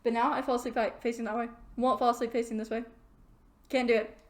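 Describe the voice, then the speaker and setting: A young woman vlogs from her bedroom, telling a long story in a casual, rambling way. Her voice sits a little high. She trips over restarts and leans on filler words as she goes. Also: quick pace. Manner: rambling, animated, lots of fillers like "like". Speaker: vlogger.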